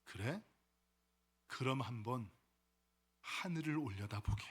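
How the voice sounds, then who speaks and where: A man voicing a calm, wise old man who speaks low and gently. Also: slow, breathy edge. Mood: gentle.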